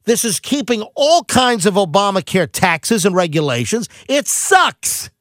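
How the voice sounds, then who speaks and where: A middle-aged man hosting a talk radio show, ranting in a quick, animated monologue full of asides and restarts. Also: sits high, no echo, studio quality.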